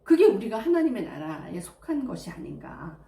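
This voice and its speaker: A woman's voice: mid-range voice, very animated, moderate pace, gravelly, mellow. Woman preaching in an echoey room. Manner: earnest, reflective preaching with personal testimony. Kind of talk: sermon.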